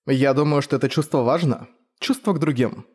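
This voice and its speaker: A half-dead father speaks in a soft, teasing, unhurried tone, as a male reader puts him on. The voice sits at an ordinary man's pitch and never rises. It is a quiet audiobook reading. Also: breathy edge, close to an everyday voice. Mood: mocking. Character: calm, mocking ghostly older father.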